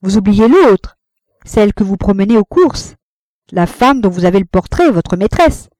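A woman reading the lines of a gentle, sorrowful married woman in a storybook, soft and restrained. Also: mid-range voice, very animated, moderate pace, no echo. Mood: cold.

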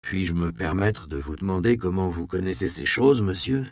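A man's voice: low voice, lively intonation, moderate pace, no room sound, studio quality. A man voicing a wary master quarryman who asks questions with guarded politeness.

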